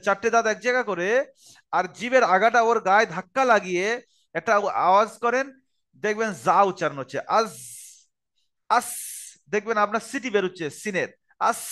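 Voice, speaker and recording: A man teaching Arabic letter pronunciation in a group video-call lesson. He talks slowly and patiently, repeating each sound as a drill for his students. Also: high-pitched, bright, forceful tone. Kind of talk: online Quran-reading lesson.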